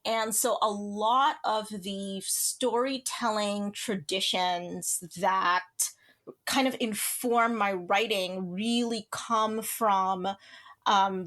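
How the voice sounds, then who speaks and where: A woman from Trinidad and Tobago appears as an author guest on an interview podcast, rambling casually with lots of fillers and restarts. Her voice is medium-pitched with a fairly bright tone.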